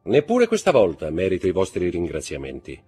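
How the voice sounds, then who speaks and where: A man's voice: sits low, huge pitch swings, a little fast, warm tone, husky, soft background music, exaggerated voice. A man reading aloud and voicing a composed, courteous and mysterious wealthy count who answers with polite restraint. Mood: courteous, gracious.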